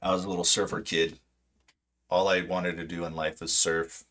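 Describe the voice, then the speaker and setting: A late-thirties amateur retail trader hosts a livestream, chatting casually and unscripted in a halting, self-deprecating, rambling way. He lived in Poland until age seven, then grew up in southern California. His low voice is fairly bright with a flat delivery.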